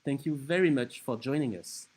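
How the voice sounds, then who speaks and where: A man introducing an online panel in a formal, steady read with slight hesitations. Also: medium pitch, moderate pace, low-quality recording. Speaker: event host introducing the panel.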